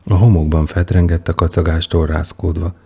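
A male storyteller reading a first-person story aloud with very low, gravelly tones. His delivery is measured and unhurried, the timbre dark and mellow. Faint music plays in the background. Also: little pitch movement. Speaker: narrator. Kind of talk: audiobook narration.

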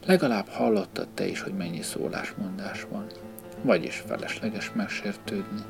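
A man voicing a calm, fatherly mole in a storybook reading, hemming and thoughtful. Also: low voice, gravelly, over music.

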